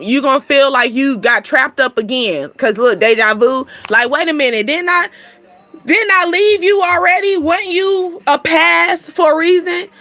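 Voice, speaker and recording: Woman doing a card reading, high bright voice, slangy and blunt, laughs a lot, dry sound. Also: no echo. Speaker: spiritual card reader and channel host. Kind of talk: casual card reading to viewers.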